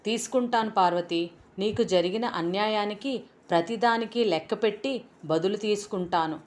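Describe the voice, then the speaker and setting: A woman's voice: mid-range voice, normal speed, a little mellow, natural voice. A woman reading the lines of a vengeful, grief-stricken young man in a novel, with anguished, vehement delivery. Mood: vowing revenge.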